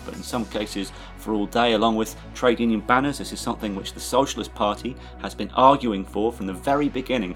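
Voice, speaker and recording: A man's voice: fairly low pitch, a bit bright. A man presenting a political podcast in a scripted narration style. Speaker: podcast host.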